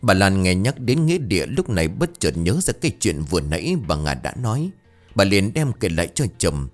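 A man's voice: sits low, big pitch swings, brisk, soft background music. A man narrating a ghost story dramatically and expressively.

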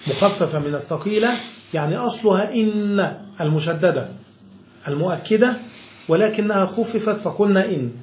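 A man's voice: high voice, normal speed, a little mellow, reverberant, slight background noise. A man teaching Arabic grammar, patiently explaining a text and repeating each point in plainer words.

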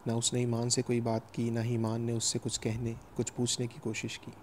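A man reading a novel aloud as a steady, even audiobook narrator. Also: mid-range voice, slight background noise.

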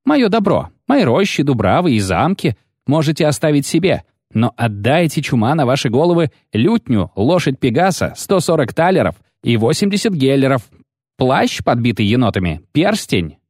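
A man voicing a whiny, high-strung male poet facing execution, in an audiobook. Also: sing-song, moderate pace, a little mellow, husky, no room sound, clean studio sound. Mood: protesting. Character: shrill panicky male poet condemned to die. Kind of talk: audiobook character voice.

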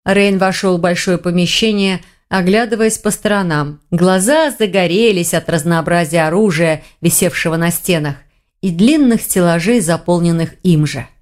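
A woman reading a fantasy audiobook in an even, measured storytelling manner. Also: on the low side. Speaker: audiobook narrator. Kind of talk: scripted narration.

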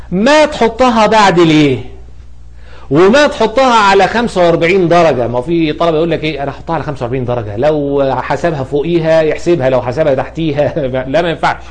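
A male teacher with an Egyptian Arabic accent and a slightly high voice explains spelling rules in a grammar lesson. He asks questions and answers them himself, step by step.

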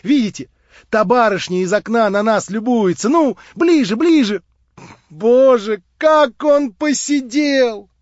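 A man reading an audiobook, voicing a lively, playful young woman who calls out in high, eager bursts. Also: normal speed, no echo. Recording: dry, slightly dull audiobook recording.

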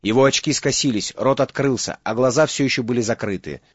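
A man reading an audiobook as narrator, in steady dramatic storytelling. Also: mid-range voice, a little fast, no room sound, highs cut off. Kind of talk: scripted narration.

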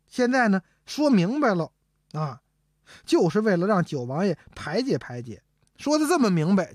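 A woman telling a traditional comic story, animated and speaking straight to her audience. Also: mid-range voice, no echo, studio quality. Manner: animated, addresses the audience directly.

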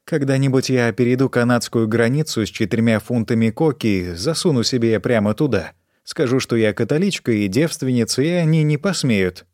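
A man's voice: normal speed, few pauses, a little mellow, no echo, studio quality, close to an everyday voice. A man voicing an erratic, stoned young woman in an audiobook, rambling and repeating herself. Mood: wary. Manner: shrill outbursts, rambling repetition. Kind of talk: audiobook character voice.

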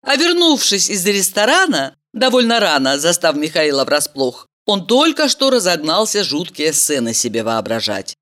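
A woman doing scripted audiobook narration in an expressive storytelling manner. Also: lowish voice, moderate pace, hardly any pauses.

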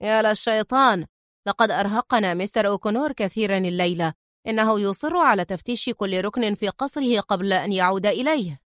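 A woman's voice: mid-range voice, fast, a bit bright, no echo, studio quality, lightly acted. A woman reading the lines of a tired, nervous male head of security in an audiobook, tense and urgent. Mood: weary.

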